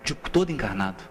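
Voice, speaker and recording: A man with a Brazilian Portuguese accent giving a seminar lecture, asking rhetorical questions and counting out rhythms. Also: medium pitch. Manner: animated, asks rhetorical questions, often adds "né?". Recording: reverberant hall, faint hum.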